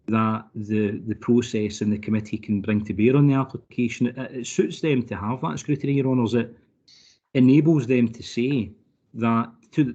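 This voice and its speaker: A man's voice: mid-range voice, mellow, husky. A man, a solicitor making a formal, persuasive submission to a licensing committee over a remote video call. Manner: persuasive, courteous, keeps addressing the panel formally. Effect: remote video call audio. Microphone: computer mic on a video call. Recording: dull lo-fi online call audio.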